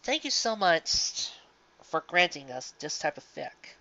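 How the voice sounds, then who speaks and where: On a dull, lo-fi home recording, a live fan fiction reader delivers earnest, sentimental commentary to an audience, halting and emphatic with dramatic pauses. The medium-pitched voice has a sharp tone and big pitch swings.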